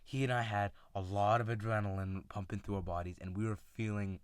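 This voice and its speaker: A man telling a personal story in a casual, halting way, with many fillers and restarts. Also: fairly low pitch, fairly even intonation, clear, resonant tone, no echo. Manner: retells friends' lines in his own voice.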